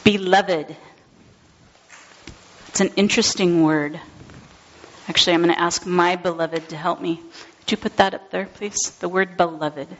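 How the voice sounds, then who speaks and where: A woman pastor giving a gentle, deliberate sermon, speaking to the congregation by name. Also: lowish voice, steady tone, highs cut off, a little hiss or hum.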